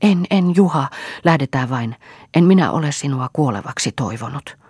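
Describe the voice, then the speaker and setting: Woman reader doing a scared young peasant wife: husky, pleading, dry close mic. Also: extremely low pitch, lively intonation, a little mellow, no room sound, heavily acted. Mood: frightened. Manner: pleading, anxious. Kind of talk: audiobook character reading.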